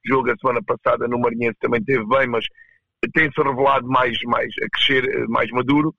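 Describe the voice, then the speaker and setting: A man with a European Portuguese accent answering as a coach in a casual interview, halting and repeating words as he goes. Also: medium pitch, level tone, gravelly, dry recording, muffled recording. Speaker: roller hockey coach, interview guest.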